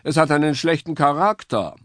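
A man's voice: on the high side, animated, normal speed, dry recording, clean studio sound, voice pushed up, lightly acted. A man voicing a stately male stag in a children's audiobook, speaking in a solemn, old-fashioned way.

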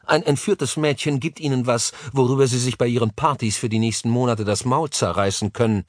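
A man's voice: medium pitch, fairly quick, no echo, clean studio sound, natural voice. A male narrator voicing a nervous, cynical male business partner talking on the phone in an audiobook. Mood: tense, cynical.

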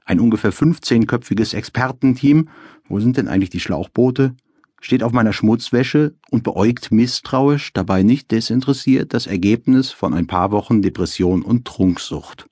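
A man's voice: mid-range voice, normal speed, darkish tone, slightly rough, no echo. A man reading his own novel as an audiobook in a dry, wry first-person style. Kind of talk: audiobook narration.

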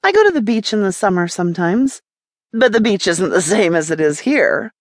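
A woman's voice: mid-range voice, very animated, normal speed, no echo, clean studio sound. A woman voicing a shy young woman scientist in an audiobook, polite and a little defensive. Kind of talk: audiobook character voice.

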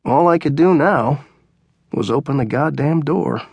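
A man audiobook narrator telling a story in the first person, in a wry, low-key way. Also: a little slow, gravelly, slightly rough, no echo, lo-fi sound.

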